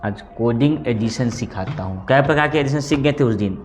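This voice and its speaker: A male teacher slowly dictating lines and a rhyme to his class, repeating each phrase. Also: mid-range voice, slight background noise.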